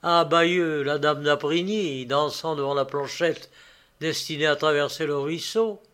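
A man's voice: on the high side, fairly even intonation, measured pace, a bit bright, clean tone. Man reading a literary tale. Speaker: narrator.

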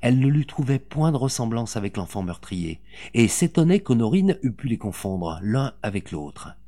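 A man reading a novel aloud as an audiobook narrator, with dramatic, expressive delivery. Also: mid-range voice, moderate pace.

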